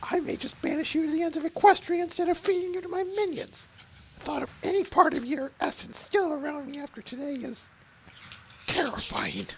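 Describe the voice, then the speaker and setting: A woman voicing a scheming female changeling queen villain in a hushed, sneering, drawn-out way, in an amateur comic read-through. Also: high voice, a little hiss or hum, rough recording. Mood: menacing.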